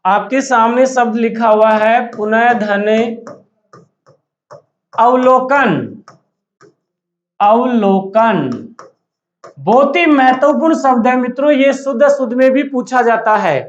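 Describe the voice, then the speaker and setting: A man's voice: extremely high pitch, fairly even intonation, normal speed, hardly any pauses. A man teaching a grammar lesson to a class, asking questions and answering them himself and repeating the key words. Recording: dull, echoey room recording.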